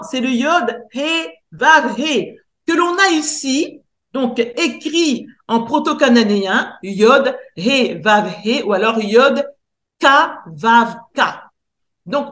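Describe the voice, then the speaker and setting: A woman researcher giving a lecture presentation, pausing often to search for words and spelling out sounds slowly and carefully. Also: a little high, fairly bright tone, echoey room. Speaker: researcher and theologian presenting a decoding.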